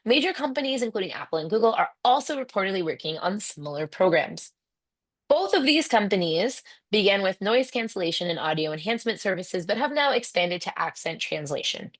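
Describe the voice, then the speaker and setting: A woman's voice: medium pitch, lively intonation, fairly quick, no room sound. Wry woman giving a lecture. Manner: wry, conversational asides. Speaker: linguistics lecturer. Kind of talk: conference lecture. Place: lecture hall talk.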